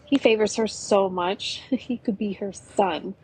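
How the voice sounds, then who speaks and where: A woman's voice: mid-range voice, unhurried, a little mellow, a little hiss or hum, poor audio. A woman narrating an adventure story in a chatty, conversational way. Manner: chatty, with frequent "you know".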